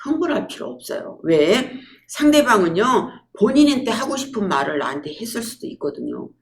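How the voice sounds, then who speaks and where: A woman giving a public lecture, telling lively stories and acting out quotes. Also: on the high side, a little fast. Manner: lively storytelling with acted-out quotes.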